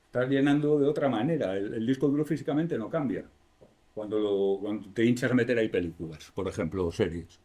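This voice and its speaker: A man's voice: on the low side, a little fast, warm tone. A man with a Spanish accent giving a university lecture in a classroom, explaining step by step, asking the class questions and correcting himself as he goes.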